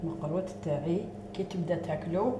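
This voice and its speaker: A woman's voice: lowish voice, quick pace. A woman with an Algerian Arabic accent hosting a cooking show in a kitchen, talking viewers through each step as she works. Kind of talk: cooking demonstration. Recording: echoey room with background noise.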